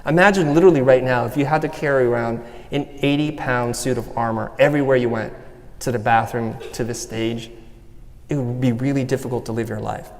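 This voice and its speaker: A man's voice: mid-range voice, brisk. A man giving a motivational talk on stage, earnest and personal as he walks the audience through an exercise. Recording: long hall reverb.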